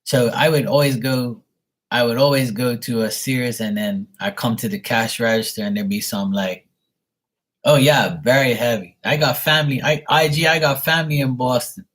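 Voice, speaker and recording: A man's voice: mid-range voice, fairly even intonation, normal speed, a bit bright. A man from Bermuda, a tarot reader telling a rambling story on a live stream, blunt and swearing casually.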